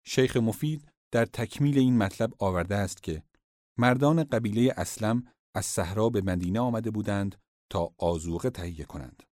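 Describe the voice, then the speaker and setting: Deep-voiced man narrating history. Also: a little mellow, dry recording, studio quality. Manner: formal, measured storytelling. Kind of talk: scripted narration.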